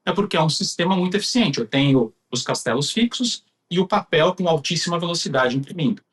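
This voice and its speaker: A man's voice: on the high side, animated, a little fast. A man with a Brazilian accent giving a conversational technical explanation as a specialist guest.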